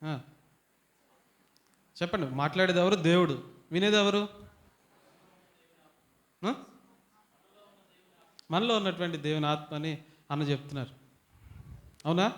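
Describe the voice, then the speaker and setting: A man leading a Bible study for young people, who keeps asking questions and pushes the audience to answer louder. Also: on the high side. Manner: quizzes the audience, urges them to answer louder. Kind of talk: interactive bible teaching to youth. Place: retreat hall.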